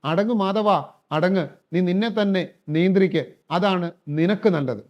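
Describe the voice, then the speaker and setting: A man playing a stern middle-aged father who firmly repeats the same calming phrase. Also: high-pitched, normal speed, natural voice. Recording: dull lo-fi recording.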